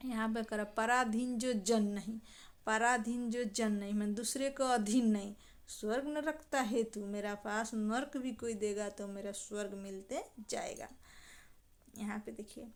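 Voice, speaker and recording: Woman teacher, fairly high voice, patient explainer who quizzes and answers herself. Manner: explanatory, asks and answers own questions; slow, measured recitation of verse examples. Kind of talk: Hindi grammar lesson.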